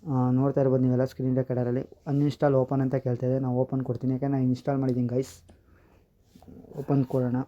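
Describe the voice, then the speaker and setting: A video tutorial host walks through an app step by step in a casual way, often talking straight to viewers and calling them "guys" again and again. His mid-range voice is completely flat, racing, and dark in tone. The slightly dull lo-fi audio adds to the feel.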